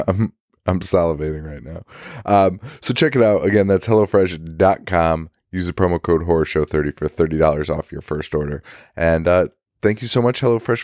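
A man hoarse with a cold, his voice cracking, doing a casual, ad-libbed podcast sponsor read as the host. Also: low voice, darkish tone, dry recording, clean studio sound. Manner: informal, mildly profane.

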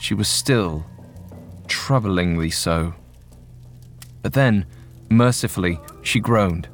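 A man tells a ghost story in a measured, suspenseful manner. His voice sits low and his pace is very slow and deliberate. Faint music plays beneath the narration.

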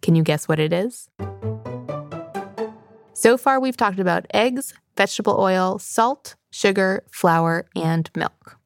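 A woman hosting a children's cooking podcast, reading scripted announcements and credits clearly and in a friendly way. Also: mid-range voice, slow, no echo, studio quality, faint music behind. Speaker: podcast host.

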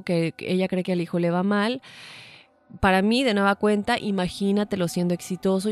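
A woman's voice: medium pitch, darkish tone. Woman, earnest advising co-host, repeats phrases for emphasis. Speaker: podcast co-host. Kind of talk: casual spiritual talk and reading listener emails.

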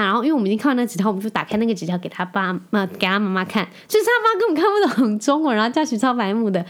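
A woman in her thirties talks casually on her own podcast. She tells a family story with animated, chatty energy and playfully acts out the voices of the people she quotes. Her voice sits at an ordinary middle pitch for a woman. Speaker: podcast host. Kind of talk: casual solo chat.

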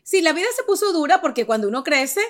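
High-voiced, playful woman host. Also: sing-song, quick pace. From Venezuela. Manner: playful, teasing, laughs often. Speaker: podcast host. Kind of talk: casual chat.

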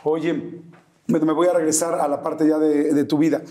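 A man hosting a casual interview, eager and quick to react. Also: fairly high pitch, flat delivery, warm tone. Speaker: interview host.

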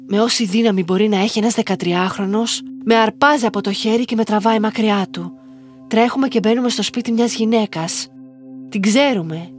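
A woman tells a listener's story in the first person, reading a script at an unhurried, even pace. Her voice sits in a middle pitch. Soft music plays faintly beneath her.

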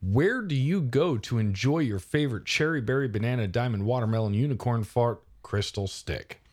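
A man co-hosting a comedy podcast, talking in a mock-serious deadpan way with drawn-out phrases and many fillers. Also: mid-range voice. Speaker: podcast co-host.

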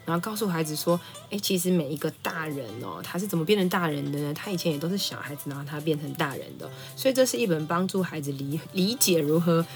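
A woman psychologist, telling a family story and reading a picture book aloud in a lively, laughing way. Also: low voice, fast, hardly any pauses, faint music behind. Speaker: psychologist podcast host.

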